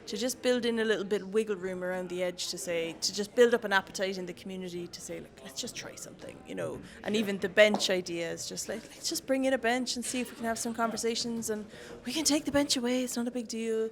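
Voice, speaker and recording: A young woman from Ireland with a Cork accent speaks fast, at medium pitch and with few pauses. She's a city council worker appearing as the guest in a casual interview, chatty and laughing often.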